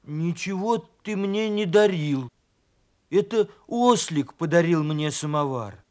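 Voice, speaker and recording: Man doing a bear cub, storybook, scared, blustering, shouty, slow delivery. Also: a little high, expressive. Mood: scared, shouting. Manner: shouty, defensive. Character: frightened little male bear cub, blustering. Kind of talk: storybook reading.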